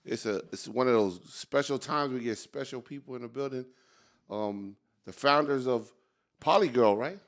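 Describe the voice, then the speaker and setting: A man's voice: mid-range voice, normal speed. Upbeat joking male podcast host. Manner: upbeat, joking, shout-outs. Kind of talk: casual interview chat.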